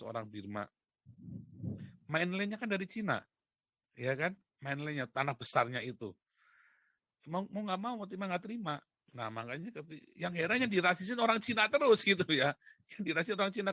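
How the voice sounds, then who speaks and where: A man's voice: a little high, sharp tone, no room sound. A man from Indonesia hosting a casual commentary monologue, talking in an emphatic, mocking way and laughing often. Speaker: commentator host.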